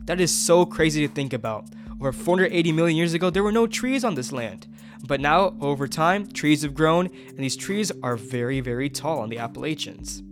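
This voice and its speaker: A man's voice: fairly high pitch, lively intonation, fairly quick. A young man vlogging a mountain hike, enthusiastically explaining geology and nature outdoors. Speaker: travel vlogger. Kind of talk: educational hiking vlog.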